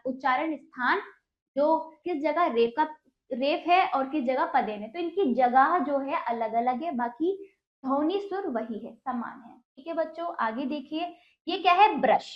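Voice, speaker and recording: Patient woman teacher with a high voice, on a muffled lo-fi recording. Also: unhurried, echoey room. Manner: patient, asks pupils questions and answers them. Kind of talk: children's Hindi lesson.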